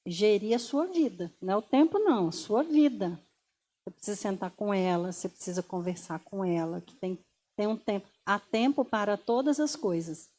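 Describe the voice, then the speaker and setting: A Brazilian woman speaks to a room in a motivational talk, her voice pitched a little high yet mellow and warm. She talks animatedly, throws rhetorical questions at her listeners and acts out the people she quotes. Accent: Brazilian Portuguese.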